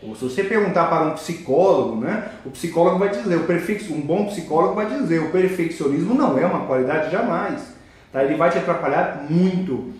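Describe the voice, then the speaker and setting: A man's voice: fairly high pitch, expressive, fairly quick, a little mellow. A man giving a slide lecture in a didactic way, often checking in with the audience. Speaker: lecturer on public speaking. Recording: very echoey room, voice from far off the mic.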